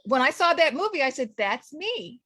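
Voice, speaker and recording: A woman's voice: high voice, sing-song, moderate pace, fairly bright tone, dry recording. A middle-aged woman from Los Angeles, talking casually as a guest in a radio interview, chatty with many restarts and fillers.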